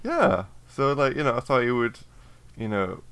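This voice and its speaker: A speaker in casual joking chat, playful and giggly, riffing deadpan. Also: medium pitch, normal speed, vocal fry, clean tone.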